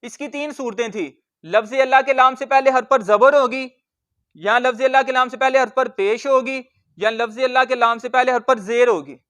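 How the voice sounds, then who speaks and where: A man teaching Quran reading in a word-by-word tajweed lesson, patiently explaining rules and slowly sounding out letters and words. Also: extremely high pitch, a bit bright, clean tone.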